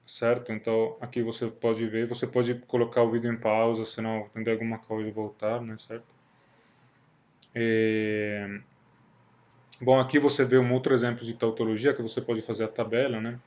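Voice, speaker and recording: A man's voice: mid-range voice, flat delivery, moderate pace, a little mellow, muffled recording. A man from Italy with an Italian accent, giving a recorded university logic lecture in a hesitant way, with many fillers and frequent checks on the listener.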